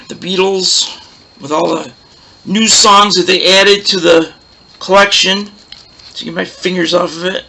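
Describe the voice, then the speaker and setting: A man with a big, loud, roaring voice that sits high and gravelly hosts a casual record collection show. His show-and-tell chat rambles, and he keeps losing his train of thought.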